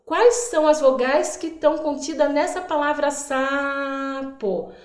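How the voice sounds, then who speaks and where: Speaking in a fairly high voice, a woman teacher explains literacy activities one step at a time. She draws words out slowly to demonstrate how they split into sounds and acts out the prompts she gives children. A noticeable echo fills the room.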